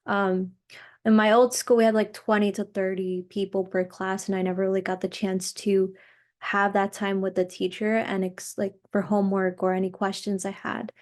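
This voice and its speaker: A woman's voice: medium pitch, moderate pace. A teenage girl from New Jersey answering panel questions casually, with many "like"s. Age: teens. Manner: relaxed, many "like"s. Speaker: student panelist.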